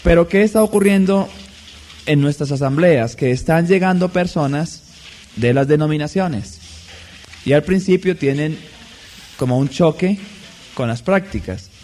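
A man preaching a sermon in a measured, deliberate way, stressing key words. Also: fairly high pitch, darkish tone, a little hiss or hum.

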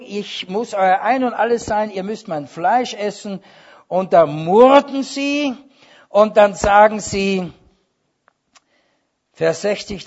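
A man's voice: sits high, a little mellow, slightly rough. A man preaching a sermon with emphasis, quoting scripture and dropping wry asides. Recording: dull lo-fi sermon recording.

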